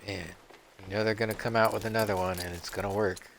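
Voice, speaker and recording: A man streaming a game, rambling off on tangents and often clearing his throat. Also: fairly low pitch, steady tone, quick pace, fairly bright tone, a little hiss or hum. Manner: meandering, digressive, frequent throat clearing. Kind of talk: rambling live-stream commentary.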